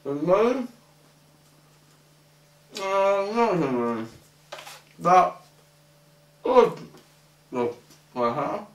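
A young man talking with his mouth full, mumbling a halting, rambling monologue muffled by food as he chews. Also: high-pitched, very animated. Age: young adult. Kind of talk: halting, rambling monologue to camera while eating. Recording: echoey room, distant microphone.

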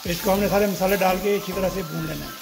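A man's voice: sits high, fairly even intonation, fast talker, creaky, music in the background. A man narrating a home cooking tutorial as channel host, explaining each step in a friendly way and using religious greetings.

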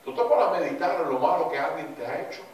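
A man preaching a sermon in a chapel, animated, asking the congregation rhetorical questions. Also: fairly high pitch, fast, a little hiss or hum. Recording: echoey chapel from far off.

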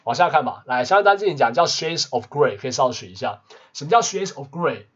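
A man teaching English vocabulary in a casual lesson, constantly adding quick tag questions. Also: medium pitch, animated, a bit bright, slightly rough. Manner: peppers talk with tag questions. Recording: muffled lo-fi recording.

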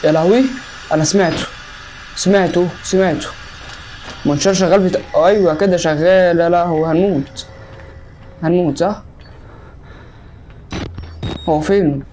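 A man's voice: sits high, fairly even intonation, normal speed, pauses often, a little mellow, a little hiss or hum. A man with an Egyptian Arabic accent who hosts a horror game let's play; he talks in a jumpy, panicky way, crying out in repeated bursts, then cracks jokes. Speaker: gaming channel host.

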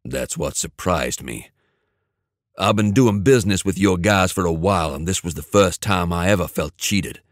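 A male narrator voicing a cool, menacing male ex-soldier who speaks slowly and evenly. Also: no room sound, clean studio sound, lightly acted. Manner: low, slow, calm, menacing.

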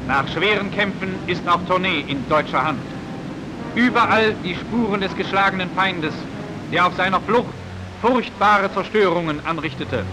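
A man with a high voice narrates a 1940s wartime propaganda newsreel at a moderate pace, in a formal, declamatory style. The old film soundtrack carries background noise and music.

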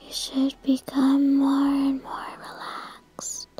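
A woman in a whispered role-play as a spa therapist, soothing and gently guiding the listener in an unhurried way. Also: high-pitched, completely flat delivery.

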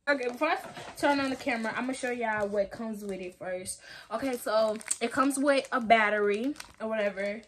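A woman vlogger talking to her viewers in a casual unboxing video, chatty and excitable. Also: fairly high pitch, fairly quick, slight background noise.

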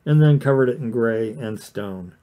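The audio sounds narrow and tinny as a man with a mid-range voice talks at a moderate pace. He is teaching watercolor on an informal livestream, painting under an overhead studio camera and rambling along in a plain, encouraging way, full of fillers and restarts.

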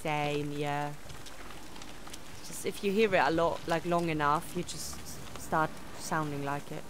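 A young German-born woman with a British-tinged English accent chats casually with viewers while streaming a game from a room at home, reading their comments aloud. Her voice is low and steady, a little slow, with game music, sound effects and other background noise behind her.

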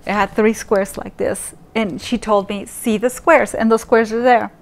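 A woman's voice: mid-range voice, flat delivery, moderate pace, darkish tone. A woman novelist chatting casually in a vlog, rambling and correcting herself, and also reading her own chapter aloud. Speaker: romance novelist.

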